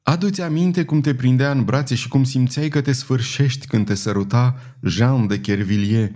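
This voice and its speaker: A man's voice: medium pitch, darkish tone, close to an everyday voice. A man voicing a scheming, commanding noblewoman who persuades with insistence and authority in an audiobook reading. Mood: insistent.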